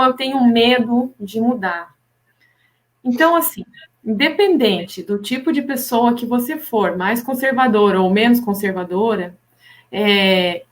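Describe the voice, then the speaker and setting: A woman, a hypnotherapist in a casual live chat, explaining lively and acting out what people say. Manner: animated, acts out imagined people's lines with pitch jumps.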